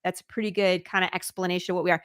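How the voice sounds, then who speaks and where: A Michigan woman with a Midwestern American accent chats eagerly as a comic creator guest in a casual interview, laughing often. Her voice is lowish and a bit bright, with a flat, rapid-fire delivery. The tone is clean, with no room sound and a clean studio quality.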